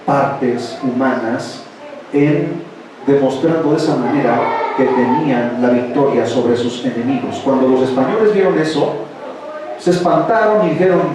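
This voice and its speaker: In a large church hall full of people, a Mexican pastor with a slightly high voice and a Mexican Spanish accent preaches, firing off rhetorical questions at the congregation. The distant mic picks up hall echo, background noise and the audible congregation.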